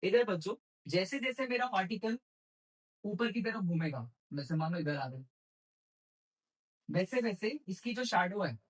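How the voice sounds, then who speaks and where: A man's voice: sits high, lively intonation, unhurried, long pauses, low-quality recording. A male physics teacher giving an exam-prep lecture in Hindi with English terms mixed in. He keeps asking his students questions and answering them himself.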